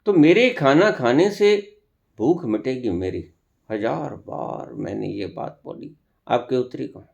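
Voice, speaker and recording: A man giving a spiritual discourse as a teacher, speaking deliberately with long pauses and sometimes scolding his listeners with rhetorical questions. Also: medium pitch, lively intonation, vocal fry, darkish tone, lo-fi sound.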